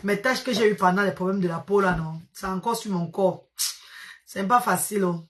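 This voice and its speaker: A weary woman with a mid-range voice runs a relaxed live stream at a moderate pace, welcoming each viewer individually and warmly addressing them as maman and sister. There is slight background noise.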